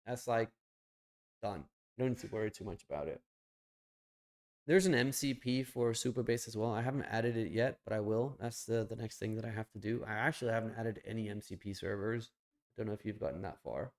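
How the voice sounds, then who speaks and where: A man's voice: lowish voice, fairly quick. Blunt, swearing man chatting on stream. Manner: blunt and profane, thinking aloud while clicking around. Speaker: live streamer. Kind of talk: casual live stream chat.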